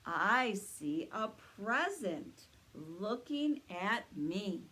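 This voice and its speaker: A woman voicing a jolly old Santa Claus in a slow, chanting storybook reading. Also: medium pitch, very animated, pushed and bright, exaggerated voice.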